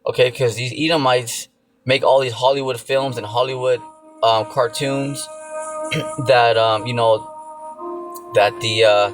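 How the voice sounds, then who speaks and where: Music plays behind a man delivering informal preaching as a religious teacher, his mid-range voice steady, a little slow, and full of pauses. His style is repetitive and filler-heavy, constantly checking in with "okay" and "you know."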